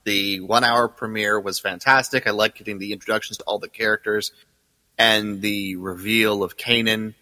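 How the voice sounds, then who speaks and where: A man's voice: on the low side, steady tone, moderate pace, pushed and bright, no echo, big-room sound, poor audio. A man co-hosting a casual podcast, enthusiastic but hesitant, with many fillers.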